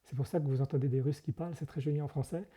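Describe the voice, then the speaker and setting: Man, monk guest, explanatory, many fillers and self-corrections, somewhat high, very dark, husky. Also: fairly even intonation, rapid-fire. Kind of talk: conversational interview.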